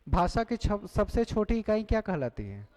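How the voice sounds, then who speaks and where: High-voiced male teacher quizzing his class. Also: very animated, normal speed, dark tone, rough recording. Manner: questioning the class, repeating key points. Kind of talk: exam-prep class lecture.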